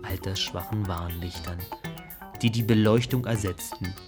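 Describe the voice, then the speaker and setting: Man narrating a sci-fi audiobook. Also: medium pitch. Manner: vivid, expressive storytelling.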